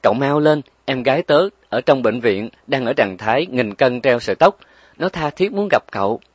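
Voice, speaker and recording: A man voicing an anxious older brother, hurried and worried. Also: medium pitch, expressive, slightly rough, no room sound. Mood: urgent.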